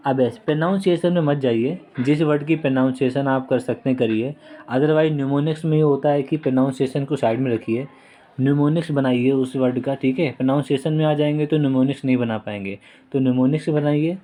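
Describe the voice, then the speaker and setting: A man's voice: on the high side, mellow. A man giving a casual vocabulary lesson, mixing Hindi with English words and repeating each word several times. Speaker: vocabulary tutor.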